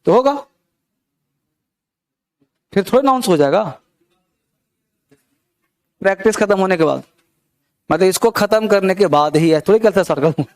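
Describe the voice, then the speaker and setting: A man's voice: sits high, a little mellow, dry recording. A young man teaching an English grammar class, explaining step by step and asking the students many rhetorical questions. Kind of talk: classroom lesson.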